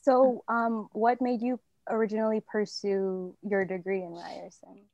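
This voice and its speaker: A woman's voice: medium pitch, level tone, measured pace, darkish tone, muffled recording. A young woman hosting a casual podcast over a video call, upbeat and chatty. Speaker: podcast host.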